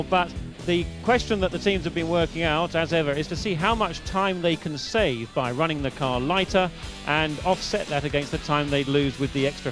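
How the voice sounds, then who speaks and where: A man co-commentating on a motor race, calmly explaining strategy with a fairly high voice and the odd hesitation. Music plays clearly underneath. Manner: measured, explanatory, a few hesitations. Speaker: expert co-commentator.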